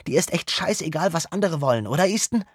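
A man voicing an angry, sharp-tongued teenage schoolgirl who accuses and scolds, with a husky voice. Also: fairly high pitch, animated, quick pace, dry recording, studio quality, voice pushed up. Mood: furious. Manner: furious, accusing.

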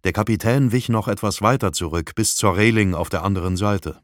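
A man narrating an audiobook in even, measured storytelling. His voice is on the low side and recorded close and dry, with no room sound. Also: dry recording. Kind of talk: scripted narration.

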